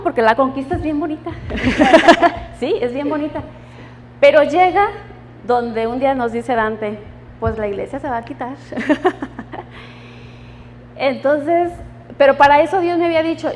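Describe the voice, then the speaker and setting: A woman's voice: high voice, long reverb tail, slight background noise. A woman giving her personal testimony in church, emotional and laughing often as she quotes the voices of God and friends.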